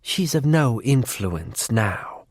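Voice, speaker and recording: A man voicing a cruel, war-loving female faery who taunts her sister in a low, menacing voice that drifts into whispers. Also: very animated, takes it slowly, breathy edge, dry recording, studio quality, heavily acted.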